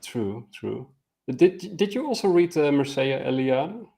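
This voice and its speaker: Male interviewer, mid-pitched, eager and affirming, casual conversational host. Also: big pitch swings, a little slow, creaky, crowd noise. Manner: brief affirmations, enthusiastic questions.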